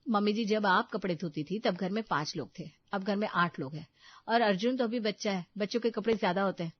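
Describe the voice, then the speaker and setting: A woman's voice: mid-range voice, fairly quick, muffled recording, close to an everyday voice. Woman doing a weary young daughter-in-law. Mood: pleading. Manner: pleading, explaining politely.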